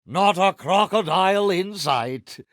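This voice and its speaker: A vain, villainous pirate captain for a video game. The voice is pitched high and swoops dramatically through grandiloquent phrases, drawn out at an unhurried pace with theatrical pomposity. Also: male voice, lively intonation, a bit bright, dry recording, heavily acted. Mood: smug, courtly. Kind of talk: video game character voice lines.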